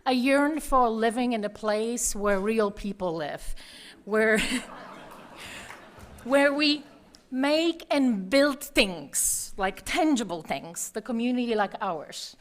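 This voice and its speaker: A woman's voice: a little high, expressive, slow pace. Woman, Polish accent, candidate, earnest, prepared statement, some fillers. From Poland. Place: meeting hall.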